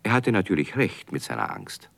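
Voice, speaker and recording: A man narrating a radio play in a calm storytelling manner. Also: a bass voice, a little fast, vocal fry.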